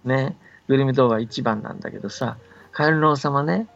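An older man with a gravelly, medium-pitched voice speaks briskly over faint music, casually and patiently explaining folktales on the radio like a scholar who keeps checking that the listener agrees. The audio is dull and band-limited, with faint background noise.

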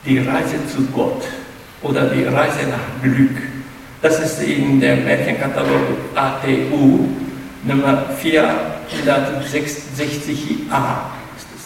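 A man's voice: medium pitch, takes it slowly, gravelly, slight background noise. A man giving a spoken lecture, hesitant and often restarting his words. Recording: echoey hall, mic far off.

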